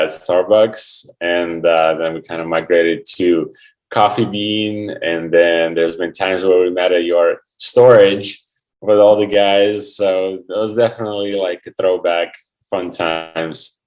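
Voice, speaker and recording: A man from Ukraine, a guest in a casual online interview, relaxed and friendly with many fillers. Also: deep voice, slow pace. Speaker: guest, QA engineer.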